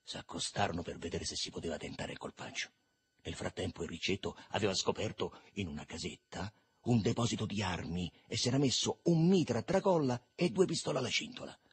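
Male audiobook reader, very husky voice, lively pitch, expressive literary narration. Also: brisk.

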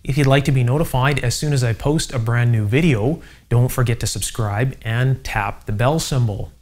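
A middle-aged man with a medium-pitched, darkish voice hosts an electronics channel, speaking at a moderate pace. In his home workshop he casually demonstrates an old device, thinking aloud and using lots of fillers.

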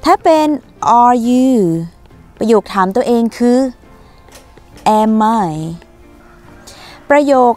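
A woman teaching a casual video lesson from her garden, slowly repeating the example phrases for learners. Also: on the high side, dark tone, soft background music. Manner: slow, drawn-out model phrases for learners to repeat. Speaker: English teacher. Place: outdoors in a garden.

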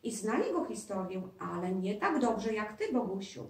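An eager, curious schoolboy full of questions, as a woman reading a storybook puts him on. Her mid-pitched voice stays close to her own, heard with roomy echo from a mic set back. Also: very animated, moderate pace, a little mellow, distant mic.

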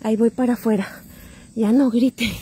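A woman's voice: fairly high pitch, steady tone, normal speed, dark tone, husky. A woman with a Mexican accent livestreaming a ghost hunt outdoors at a cemetery on her phone, exclaiming and repeating words to her viewers. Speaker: paranormal livestreamer. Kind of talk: live-streamed ghost hunt.

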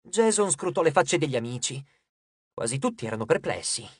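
An audiobook narrator reading a novel in an expressive storytelling manner, recorded in a studio. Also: medium pitch, brisk, husky, no echo.

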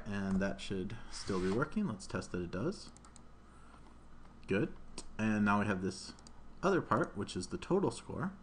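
Speaking on the low side, a man in his thirties teaches programming in an informal live coding session, thinking aloud and describing every step as he goes. Keyboard typing and room noise come through on the noisy room microphone.

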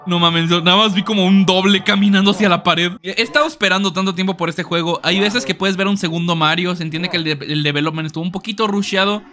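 Bright-voiced excitable Mexican streamer guy. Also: high-pitched, quick pace, hardly any pauses, faint music behind. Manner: excitable, joking, swears freely, shouts at the game character. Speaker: gaming streamer. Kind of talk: casual let's-play commentary.

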